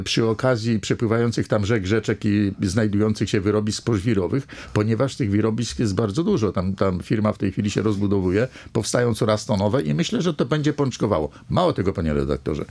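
An older man speaks as a studio guest on a radio interview. His voice sits low and carries a gravelly fry, and he talks in a rambling way, pausing often with fillers. The sound comes close through a desk microphone. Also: darkish tone. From Poland. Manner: rambling with many hesitations and fillers. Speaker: village mayor, guest.

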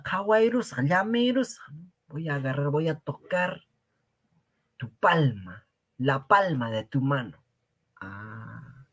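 A man leads an online Quechua lesson, saying each word several times over so learners can copy it. He speaks slowly and carefully, with a lively, swooping pitch that rises and falls a lot. His voice sits at a middle pitch for a man. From Peru. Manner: repeats words slowly, drilling pronunciation with rhetorical questions. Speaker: Quechua language teacher.

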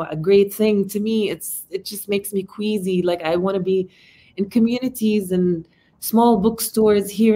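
Heard through a laptop mic on a home video call, a Palestinian woman in her thirties, an Amman-based artist with an Arabic accent, talks casually as an interview guest. Her voice is mellow and medium in pitch, and she speaks reflectively, often feeling her way toward the right words.

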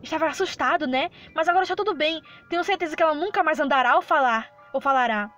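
A woman voicing a sweet but menacing obsessive young girlfriend from a visual novel, in a slow, high, sugary voice. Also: a bit bright, faint music behind. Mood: sweetly sinister. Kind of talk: reading game dialogue aloud.

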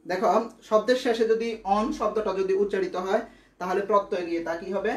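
A man's voice: high-pitched, steady tone, fast talker, reverberant. A man teaching grammar, explaining step by step and answering his own questions. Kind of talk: classroom lesson.

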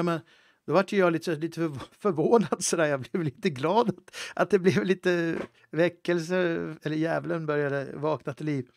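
A male pastor preaching a livestream sermon, swinging between loud fervent appeals and hushed, halting asides. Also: fairly high pitch, dry recording, clean studio sound. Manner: halting, with restarts and fillers.

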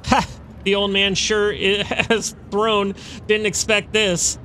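Guy doing greedy drunk dad villain from a game, sneering threats, high bright voice. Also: flat delivery, takes it slowly, a little hiss or hum, heavily acted. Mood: gloating. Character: greedy, menacing, hard-drinking father, a game villain.

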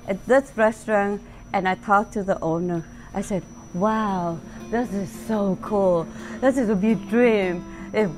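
A middle-aged restaurant owner tells her story in an interview-style testimonial, speaking with heartfelt enthusiasm in her dining room. Her voice is medium-pitched and darkish, and the recording is rough.

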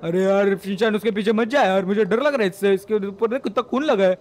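A man's voice: sits high, fast talker, close to an everyday voice. A man voicing a timid, whiny talking dog in a game role-play. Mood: scared. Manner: fearful, whiny.

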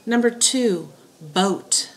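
A woman teacher dictating spelling words and sentences in a deliberate way, setting words apart and repeating them. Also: medium pitch, animated. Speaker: teacher giving a spelling test.

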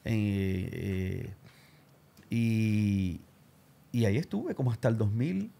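A man's voice: lowish voice, slow pace, vocal fry. A man hosting an interview, telling his own story casually, full of slang. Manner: animated, slangy, does voices of people he quotes. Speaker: show host and radio announcer.

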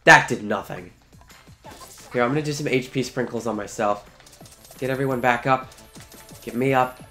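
A man's voice: medium pitch, a bit bright. Casual, offhand man gaming over music. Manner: offhand, sweary, talks to game characters. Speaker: let's play host. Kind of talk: casual video game commentary. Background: game music.

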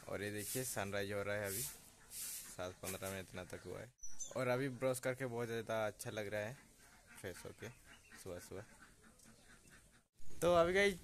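A village vlogger in his twenties films himself on a phone at arm's length in an outdoor courtyard, with rain falling and goats nearby. His voice is on the low side, easygoing and chatty as he points things out to viewers, and the phone audio is noisy.

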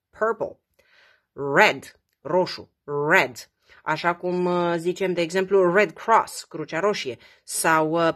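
A Romanian-speaking woman teaching English color words, repeating each slowly and explaining how to pronounce them. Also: lowish voice. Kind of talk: language lesson.

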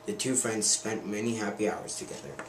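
Brief: man reading a children's picture book aloud, earnest and stumbling a little; lowish voice, distant and roomy camcorder sound. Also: a little fast. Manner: earnest read-aloud with slips and self-corrections. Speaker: reader. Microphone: handheld camcorder mic. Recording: roomy, distant camera mic, faint noise.

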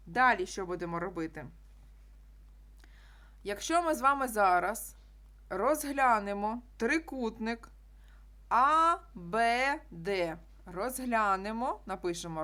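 A woman teacher walks through a geometry problem step by step. She explains in a steady classroom manner and often repeats key statements to make them stick. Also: medium pitch. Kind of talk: classroom math lesson.

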